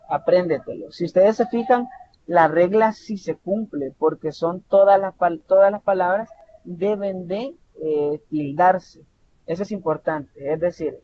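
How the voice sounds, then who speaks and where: A man from El Salvador gives an online tutoring lecture in a slightly high voice, explaining step by step and often checking with his listeners. The recording is dull and lo-fi, with a faint rumble behind him. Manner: explanatory, repeats and restarts words, says "¿verdad?" often.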